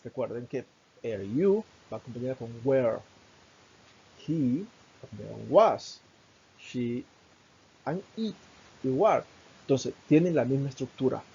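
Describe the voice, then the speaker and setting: A man with a Venezuelan Spanish accent teaching an English lesson, slowly modeling each phrase with a husky voice. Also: medium pitch, animated, a little mellow, lo-fi sound. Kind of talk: recorded online lesson.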